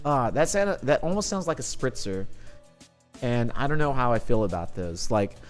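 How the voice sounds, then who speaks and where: Animated young male streamer telling stories. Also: medium pitch, moderate pace, faint music behind. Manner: animated storytelling, swearing, acting out friends' lines. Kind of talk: casual chat to live chat.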